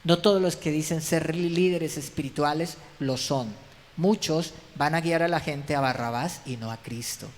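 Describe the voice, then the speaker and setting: A man preaching a sermon as a pastor in a church hall, emphatic and full of rhetorical questions to his congregation. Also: on the high side. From Colombia. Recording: long hall reverb, faint background noise.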